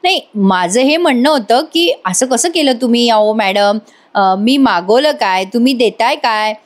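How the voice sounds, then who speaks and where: A woman reading as a smooth-talking young man with a playful, teasing edge. The voice stays high and light, close to her own. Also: lively intonation, normal speed, close to an everyday voice.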